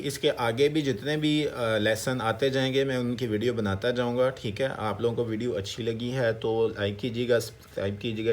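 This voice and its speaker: A man teaches in an even, mid-pitched voice. He sounds out each syllable slowly, repeats it, and keeps asking viewers what it becomes. His delivery is patient and methodical. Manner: slow, repetitive syllable-by-syllable drilling with questions to viewers. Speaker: language teacher. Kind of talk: Korean vocabulary lesson in Urdu.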